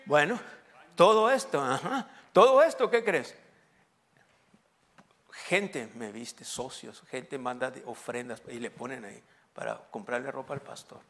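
A man's voice: medium pitch, expressive, a little slow, fairly bright tone. Joking Mexican pastor in his forties. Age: 40s. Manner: humorous storytelling, joking with the congregation. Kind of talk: sermon.

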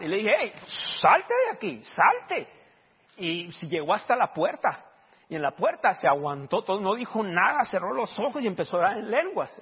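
Pastor guy telling stories in a sermon, kinda high voice, husky, muffled echoey church sound. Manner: animated, acts out dialogue loudly. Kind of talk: sermon with storytelling. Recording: dull reverberant hall recording.

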